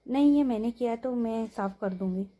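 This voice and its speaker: A woman's voice: on the high side, a little fast, warm tone, natural voice. A woman voicing a meek young woman. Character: meek tearful young woman, soft and stubborn. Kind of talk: storytelling role-play.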